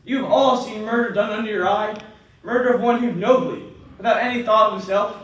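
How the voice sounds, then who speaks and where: An earnest young lawyer presses his case in a fairly high voice. The sound is very echoey and distant, as in an old radio play. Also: fairly even intonation, fairly quick, fairly bright tone. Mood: rousing. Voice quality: earnest, insistent. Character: young man, an impassioned lawyer demanding justice. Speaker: actor. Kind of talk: radio drama acting. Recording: echoey, distant, faint noise.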